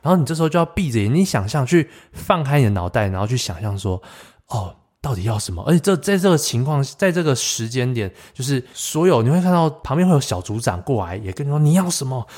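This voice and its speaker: A young adult man hosting a solo podcast, telling a personal story in a reflective way, often pausing and restarting his sentences. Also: medium pitch, big pitch swings, a little mellow. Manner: reflective, halting with many fillers and restarts. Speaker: podcast host.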